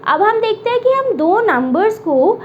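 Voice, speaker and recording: A woman teaching a maths lesson online, explaining each step slowly and checking in with the students. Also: extremely high pitch, very animated, lo-fi sound, a little hiss or hum.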